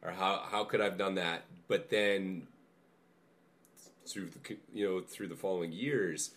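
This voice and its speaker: A man hosting a casual podcast conversation, calm and supportive, asking open questions. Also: low voice, unhurried. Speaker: podcast host. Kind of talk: casual interview chat.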